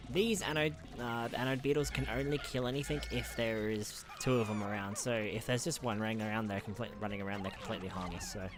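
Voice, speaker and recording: A man's voice: on the low side, fairly even intonation, fast, hardly any pauses. A man giving casual, chatty commentary while playing a video game, muttering to himself, swearing freely and sounding exasperated at the game. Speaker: let's play gamer.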